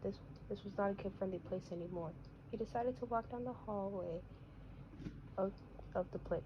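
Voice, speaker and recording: A woman's voice: mid-range voice, normal speed, background noise. A woman reading her own story aloud, stumbling and restarting phrases often. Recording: dull lo-fi recording.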